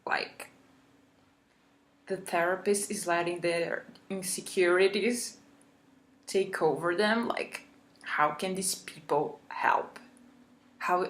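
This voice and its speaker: A woman's voice: on the low side, steady tone, slow, long pauses, a bit bright. A woman vlogger ranting in a frustrated, exasperated way, with many fillers. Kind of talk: casual rant vlog.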